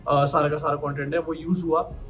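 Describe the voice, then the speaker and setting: A man's voice: on the high side, flat delivery, a little fast, fairly bright tone, soft background music. A young man talking straight to his viewers, earnest and a little worried, mixing Hindi with English phrases. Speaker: YouTuber. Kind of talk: talking to camera.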